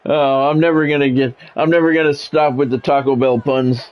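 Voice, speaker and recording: A brisk man with a mid-range voice and fairly even intonation, captured on a muffled recording, commentates a video game football match as a streamer. Announcer-style play-by-play alternates with dry, complaining, occasionally profane casual comments.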